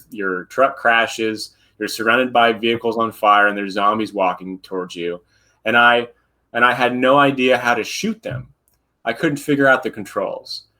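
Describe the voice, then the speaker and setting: A man's voice: mid-range voice, pushed and bright, rough recording. A man in his thirties co-hosting a podcast, chatting casually and rambling through stories. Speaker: podcast co-host. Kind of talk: casual chat.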